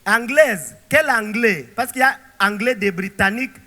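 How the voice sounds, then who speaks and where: A male pastor preaching a sermon, animated and throwing rhetorical questions to the congregation. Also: high voice, moderate pace, big-room sound.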